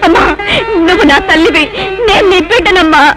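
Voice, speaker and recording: A woman's voice: extremely high pitch, a little fast, rough recording. A woman playing a proud unmarried elder sister in a dubbed film drama, speaking sternly and indignantly, then pleading through tears. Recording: film soundtrack with loud music.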